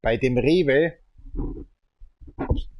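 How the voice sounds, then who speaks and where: A man, a gaming livestreamer chatting loudly and teasingly on a phone call over his stream. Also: medium pitch, extremely slow. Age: 30s. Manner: loud, joking and teasing. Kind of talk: casual phone chat during a livestream. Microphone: earbuds in, calling over the stream mic.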